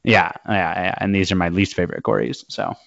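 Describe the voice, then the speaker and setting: A man co-hosting a podcast in casual chat, thoughtful and halting, often repeating words as he goes. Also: deep voice, fairly even intonation, creaky, muffled recording, a crowd in the background. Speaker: podcast co-host.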